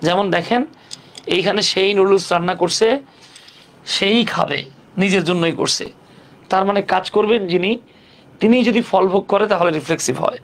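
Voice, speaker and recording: A man's voice: sits high, moderate pace, pauses often. A man teaching English grammar in a casual, step-by-step way, asking rhetorical questions and joking in colloquial speech. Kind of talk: casual classroom lesson.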